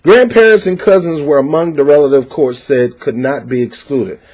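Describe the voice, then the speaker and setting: With a fairly high, slightly mellow voice at normal speed, a man from the United States reads out a news article. He responds with opinionated political commentary, emphasizing points passionately and preachily while using frequent fillers.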